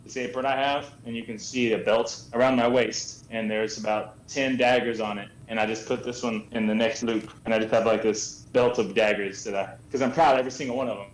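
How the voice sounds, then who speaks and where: A man's voice: medium pitch, fairly even intonation, brisk, few pauses. A man playing a tabletop game, describing his character in a hesitant, easygoing way. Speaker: player. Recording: roomy with faint background noise.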